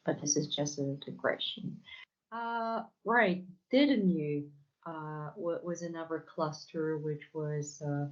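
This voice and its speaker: A deep-voiced woman whose first language is Polish gives an academic conference talk in a Polish accent. She sounds hesitant, with many fillers, restarts and repeated words, and the audio is dull.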